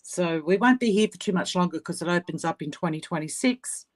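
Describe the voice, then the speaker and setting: Brief: woman from Sydney, Australian accent, lower pitch, loose conversational rambling, casual craft chat. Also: fairly quick. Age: older. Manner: rambling, searches for words. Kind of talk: casual live-stream chat.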